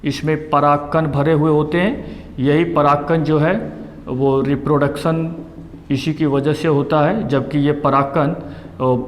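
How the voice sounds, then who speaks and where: Guy teaching a bio class off a diagram, kinda high voice, echoey hall sound. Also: steady tone. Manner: explains slowly, repeats terms, mixes English terms into Hindi. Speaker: biology teacher. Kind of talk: classroom lesson explaining a diagram. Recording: long hall reverb.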